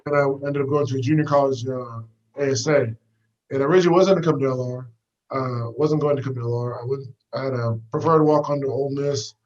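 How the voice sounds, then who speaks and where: Young american guy rambling fast on a walk, lots of uh and like, kinda dull sound. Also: mid-range voice, fairly even intonation, darkish tone. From United States. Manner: easygoing, rambling with many fillers. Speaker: guest, fighter. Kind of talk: casual storytelling interview. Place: walking outdoors.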